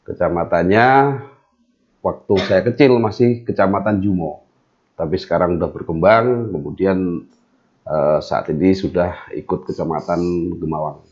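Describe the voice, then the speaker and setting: A middle-aged man from Central Java, a guest in an interview, talking in a measured way with many hesitations. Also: low voice, darkish tone. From Temanggung, Central Java, Indonesia. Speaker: guest, business owner. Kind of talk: interview conversation. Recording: dull lo-fi audio.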